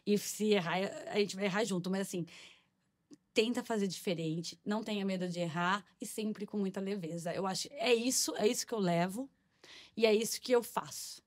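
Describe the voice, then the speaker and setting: A woman's voice: mid-range voice, moderate pace. Woman interview guest, earnest and upbeat, conversational. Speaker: marketing manager guest. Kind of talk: casual interview chat.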